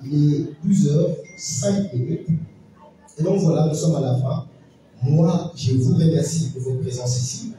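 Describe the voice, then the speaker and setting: A male master of ceremonies with a very dark, deep-toned voice speaks to the audience. The sound is far from the mic and rings through a heavily echoing hall. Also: measured pace, a little hiss or hum. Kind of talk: closing remarks at an event. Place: event hall. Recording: very echoey hall, voice from afar.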